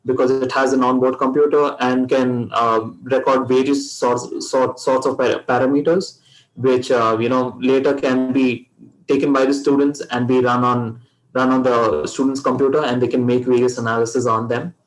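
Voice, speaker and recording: Halting Indian-accented man presenting. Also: medium pitch, little pitch movement, rough recording. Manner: halting, searching for words. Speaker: company presenter. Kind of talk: slide presentation.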